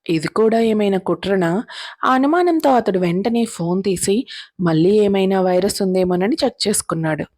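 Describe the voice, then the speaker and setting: A woman telling a serialized story in a steady, even narrating manner. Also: medium pitch, moderate pace.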